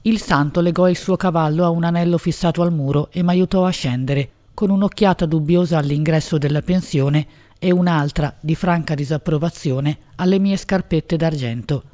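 A woman narrating a literary novel as an audiobook in a measured, expressive reading. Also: low voice, lo-fi sound.

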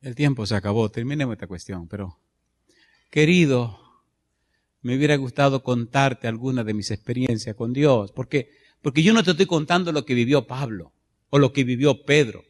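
A man's voice: mid-range voice, moderate pace. Impassioned middle-aged male preacher. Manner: impassioned storytelling preacher, swinging from loud to hushed. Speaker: pastor. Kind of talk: sermon.

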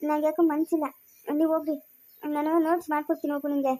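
A woman's voice: sits high, little pitch movement, rapid-fire, warm tone, no room sound, natural voice. A young woman playing a lovesick student who talks in a pleading, emotional way in a family skit. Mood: worried. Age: young adult. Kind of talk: amateur family skit acting.

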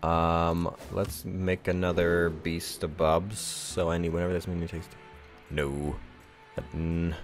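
A gaming YouTuber with a low, fairly monotone voice speaks slowly during casual gameplay commentary, with soft music in the background. Congested and a bit froggy from the sniffles, he rambles, chuckles and thinks aloud.

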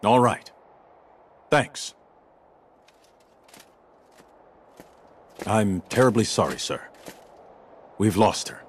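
An actor playing a dutiful army captain in a video game, polite to superiors and wry. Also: male voice, lowish voice, animated, takes it slowly, a little hiss or hum. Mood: brisk, polite. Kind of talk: animated video game acting.

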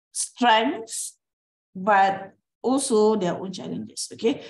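A middle-aged woman leads an online session with students. Her voice is gravelly and a little high, and she talks slowly, reassuring them and pausing on "okay". She has a lingering cough, and the sound comes through a video call. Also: poor audio. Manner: encouraging, reassuring, with frequent "okay" and hesitations. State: coughing, recovering from a bad cough. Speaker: faculty dean. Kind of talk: open Q&A session with postgraduate students.

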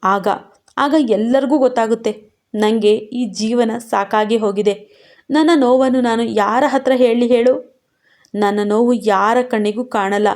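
A woman's voice: on the high side, a little mellow, lightly acted. A woman voicing an overworked young wife who scolds and breaks into bitter, tearful outbursts.

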